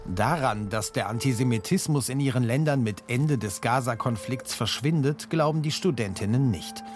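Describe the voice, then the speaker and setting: A man narrating a scripted TV news report in a measured, factual manner. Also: medium pitch, faint music behind.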